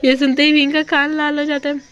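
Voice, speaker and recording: A woman's voice: high-pitched, flat delivery, fast talker, a bit bright, lo-fi sound. A woman casually retelling a fan-fiction story in a chatty, conversational way. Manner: chatty, conversational, with tag questions.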